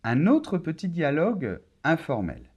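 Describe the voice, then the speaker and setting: A man's voice: a little high, huge pitch swings, a little slow, husky. A man teaching a beginners' pronunciation lesson, patient and explanatory, often checking that the learner follows. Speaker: language teacher.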